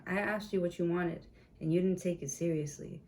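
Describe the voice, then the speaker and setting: Blunt, lower-voiced woman reading tarot. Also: fairly even intonation, moderate pace, darkish tone. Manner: blunt, profane, chatty. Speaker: tarot reader. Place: room with a window open.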